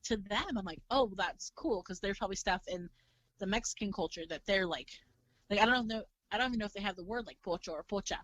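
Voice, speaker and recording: A young woman from California talking as a podcast guest in animated, chatty casual conversation, full of fillers. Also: mid-range voice, quick pace, no echo, low-quality recording. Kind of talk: casual chat.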